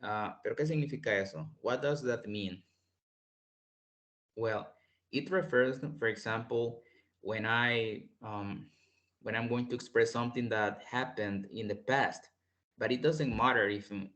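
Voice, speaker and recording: Male tutor, unhurried delivery, patient repetition, online lesson. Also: mid-range voice, a bit bright. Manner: explains slowly, switching between languages, repeating words for pronunciation. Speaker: English teacher.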